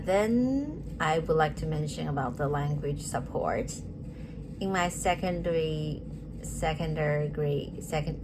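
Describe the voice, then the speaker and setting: Her voice is low with vocal fry, and her first language is Chinese. As a teacher interview candidate giving rehearsed answers, she sounds earnest and measured but keeps restarting and self-correcting, with steady background noise throughout.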